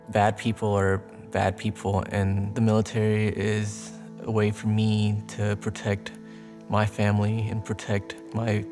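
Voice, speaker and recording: A man in his twenties from Texas, a Navy veteran, speaking earnestly in a documentary interview with small restarts. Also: lowish voice. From Texas, United States.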